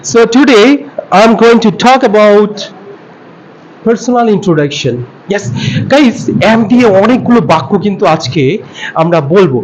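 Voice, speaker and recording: Young man teaching, high-pitched voice. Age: 20s. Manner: mixes Bengali and English, coaxing students. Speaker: English teacher. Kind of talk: classroom lesson. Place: classroom with students. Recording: dull low-fi room audio.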